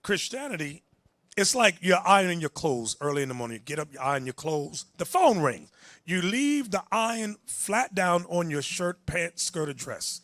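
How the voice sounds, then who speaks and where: A man's voice: sits high, big pitch swings, moderate pace, fairly bright tone, no room sound. A man preaching and teaching from the Bible, emphatic and direct, telling a reader when to go on.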